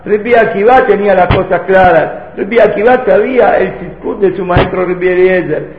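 Male teacher, high voice, storytelling lesson, thin phone-like sound. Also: normal speed, a little hiss or hum. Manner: storytelling with rhetorical questions. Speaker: Torah teacher. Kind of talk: religious lesson to a live audience. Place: hall with an audience. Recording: echoey hall, phone-like lo-fi sound.

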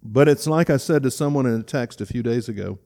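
A middle-aged man preaching in a church, earnest and emotional, often halting and restarting his sentences. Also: medium pitch, dark tone. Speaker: pastor. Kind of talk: sermon. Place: church sanctuary.

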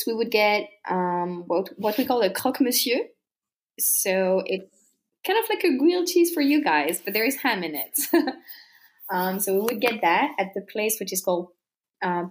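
A woman in her thirties speaks with a French accent in a relaxed conversational interview. She talks freely and warmly, dotting her sentences with fillers and easy laughter. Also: medium pitch, unhurried. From France. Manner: chatty, laughs often, many fillers. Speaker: interview guest.

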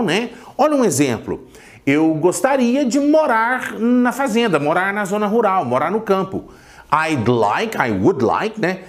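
A Brazilian man with a Brazilian Portuguese accent hosting a podcast pronunciation lesson, patiently repeating words slowly for practice. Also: high voice. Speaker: English teacher and podcast host.

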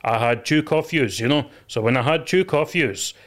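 A man's voice: mid-range voice, moderate pace, fairly bright tone. A man with a broad west of Scotland accent, telling his stories casually as an interview guest in a sweary, emphatic, repetitive way. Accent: broad Scottish, west of Scotland. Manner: sweary, emphatic and repetitive, often tagging "you know". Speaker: podcast guest.

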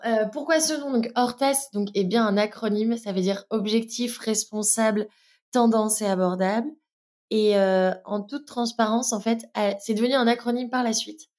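A woman from France with a French accent, a brand co-founder speaking candidly in a casual interview, with frequent hesitations. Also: on the high side. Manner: many fillers and restarts, candid.

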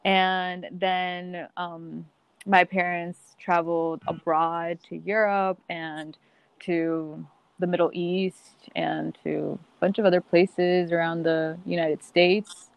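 Soft-voiced young woman from Colombia. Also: fairly low pitch, takes it slowly, vocal fry, clean tone, no echo, muffled recording. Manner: relaxed, laughs easily, many fillers. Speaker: guest. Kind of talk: casual interview.

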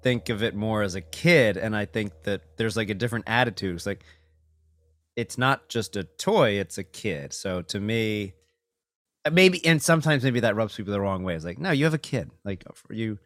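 A man's voice: fairly low pitch, lively intonation, normal speed, fairly bright tone, dry recording. A man hosting a casual video call chat, talking in a thoughtful, hedging way with many fillers.

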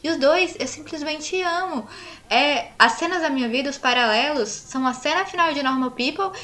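A woman's voice: high voice, moderate pace, bright, forceful tone. A young woman with a Brazilian accent, co-hosting a casual podcast chat in an earnest, openly emotional way. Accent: Brazilian Portuguese. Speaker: podcast co-host.

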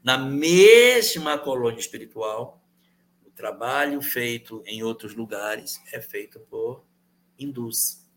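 A man answering viewer questions in a calm, measured explanatory talk, repeating key phrases for emphasis. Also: mid-range voice. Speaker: spiritist guest answering questions.

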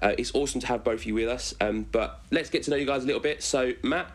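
A young man hosting a casual chat on a video call, relaxed and full of ums and uhs. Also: mid-range voice, quick pace. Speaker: host.

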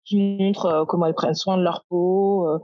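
A French woman in her thirties who founded a skincare company appears as a podcast interview guest, speaking hesitantly with lots of fillers. Her voice is on the low side and a little fast, with fairly even intonation, and the recording is dry and muffled.

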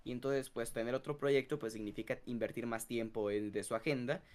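Measured co-host, hedging. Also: male voice, mid-range voice, fairly even intonation, darkish tone. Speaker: podcast co-host. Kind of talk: casual podcast chat.

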